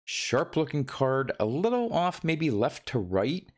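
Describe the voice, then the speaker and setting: A man's voice: mid-range voice, sing-song, measured pace, darkish tone. A man presenting a top ten countdown in a casual, unscripted way, thinking aloud hesitantly as he comments.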